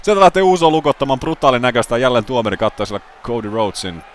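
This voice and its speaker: A man giving excitable play-by-play commentary over a wrestling video game, bursting into loud exclamations. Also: medium pitch, a little hiss or hum.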